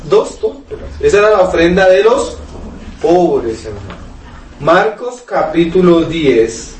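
A man's voice: on the high side, sing-song, takes it slowly. A man preaching a sermon, asking rhetorical questions and reading scripture aloud to his listeners. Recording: echoey room, mic at a distance, faint noise.

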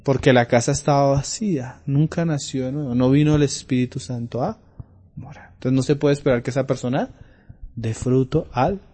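A man preaching a sermon, talking through Bible passages and reading scripture louder. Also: mid-range voice, normal speed, husky. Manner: conversational Bible teaching, rising loud for scripture readings.

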